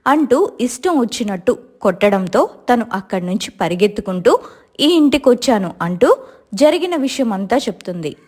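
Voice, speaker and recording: A woman's voice: mid-range voice, sing-song, moderate pace, a little mellow, husky. Woman narrating a dramatic family story.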